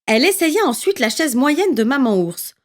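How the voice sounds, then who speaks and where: A woman narrating a children's story in an expressive, lively reading voice. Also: high-pitched, moderate pace.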